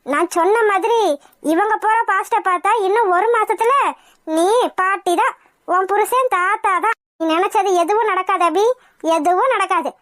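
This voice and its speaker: A woman's voice: very high-pitched, moderate pace, fairly bright tone. A woman voicing a meddlesome, needling woman friend who stirs up trouble in a cartoon. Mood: goading. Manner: needling, goading. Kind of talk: cartoon voice acting.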